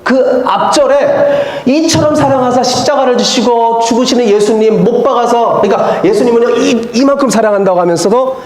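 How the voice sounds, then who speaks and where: A male pastor delivers a sermon in a fairly high voice, telling a story and putting questions to his congregation. The sound is heavily echoey, as in a large church sanctuary. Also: moderate pace, few pauses, darkish tone.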